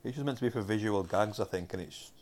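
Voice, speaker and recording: A man's voice: on the low side, quick pace, darkish tone. A young man with a Northern English accent chatting casually about TV episodes, rambling with lots of ums and restarts. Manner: rambling, many fillers and restarts. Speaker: podcast co-host. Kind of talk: casual chat reviewing TV episodes.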